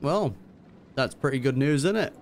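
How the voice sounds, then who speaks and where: Hosting a gaming reaction, a man comments in a relaxed, slang-filled way over casual game playthrough footage. His mid-range voice is animated and moves at a normal speed, with game music and general noise in the background.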